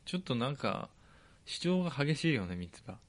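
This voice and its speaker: A man co-hosting a podcast in a Tochigi accent, with a voice of ordinary middle pitch. He reads listener letters in a polite, even way, then slips into loose, joking chatter. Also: brisk. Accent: Tochigi dialect. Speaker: podcast co-host. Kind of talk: reading listener mail, casual banter.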